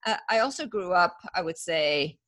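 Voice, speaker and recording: Speaking as a podcast guest in a casual interview, an Iranian woman in her fifties reflects on her story, using many fillers. Her voice is lowish and a bit bright, with lively intonation at normal speed.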